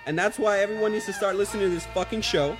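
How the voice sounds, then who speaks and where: A man's voice: high-pitched, quick pace. A man hosting a comedy radio show, joking, swearing and chatting loosely with his studio guests. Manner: joking, swears, slips into silly voices. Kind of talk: irreverent comedy radio chat. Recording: studio mic with music bed behind. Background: music.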